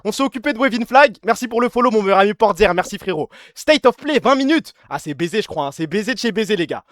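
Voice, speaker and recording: A male streamer talks over his live stream, mocking and cursing as he goes. His voice sits high for a man. The sound is dry and close. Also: expressive, fast talker, no room sound. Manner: loud, mocking, swears freely. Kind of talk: casual livestream chat.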